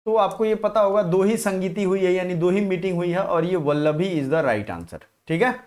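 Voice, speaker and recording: A man's voice: sits high, normal speed, a little mellow. A man teaching a live online exam-prep class, firing questions at viewers, answering them and reading their comments.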